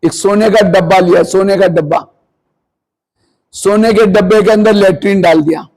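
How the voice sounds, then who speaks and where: A man's voice: high voice, fairly even intonation, moderate pace, a little mellow, rough recording. A man giving a spiritual discourse to a live audience, earnest and full of rhetorical questions, now and then scolding sleepy listeners. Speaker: spiritual teacher. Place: meditation hall.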